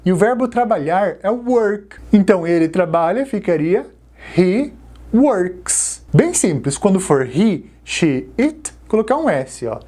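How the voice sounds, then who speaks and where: A Brazilian woman with a Brazilian Portuguese accent teaching a recorded English lesson for beginners, drawing out each model word slowly for learners to repeat. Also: mid-range voice, big pitch swings, dark tone. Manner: slow, drawn-out model words for learners to repeat.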